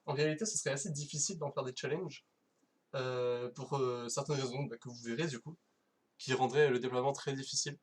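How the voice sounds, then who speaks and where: A man's voice: medium pitch, steady tone, brisk. A man giving a casual live-streamed technical talk, hesitant, with many fillers and restarts. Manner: casual, self-deprecating. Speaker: conference speaker.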